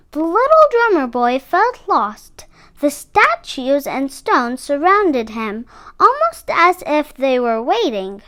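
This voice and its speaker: A woman reads a children's picture book aloud as a storyteller, narrating expressively with dramatic phrasing. Her voice sits high and sounds pushed and bright.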